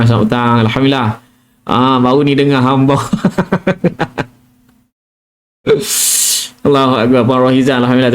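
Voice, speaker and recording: A middle-aged man with a Malaysian Malay accent giving a casual live tajwid lesson, chatty and peppering his talk with "kan?" and "ah", now and then demonstrating letter sounds in a whisper or in chanted recitation. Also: mid-range voice. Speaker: Quran recitation teacher.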